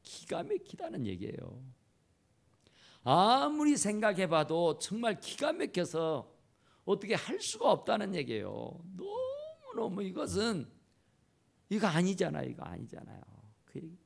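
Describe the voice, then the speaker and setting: Gravelly, animated male pastor preaching. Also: high-pitched, a little slow. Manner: impassioned preaching with repeated phrases. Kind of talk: sermon. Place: church sanctuary. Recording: church camera recording.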